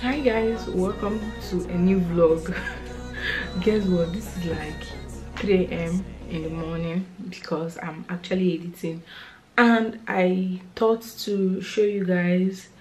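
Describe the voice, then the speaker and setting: A woman's voice: lowish voice, fairly even intonation, slow pace, darkish tone, faint music behind. A young Nigerian woman in her twenties chatting casually to camera at home as a vlogger, rambling with lots of fillers. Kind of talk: casual vlog chat to camera. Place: bedroom and kitchen at home, indoors. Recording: echoey room with background noise.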